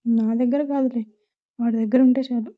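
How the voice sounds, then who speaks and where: Woman doing a kind, motherly mother-in-law, slightly high, with tinny lo-fi sound. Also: fairly even intonation, a little fast, lightly acted. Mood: advising. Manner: gentle, motherly advice. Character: caring middle-aged mother consoling her son's shy bride.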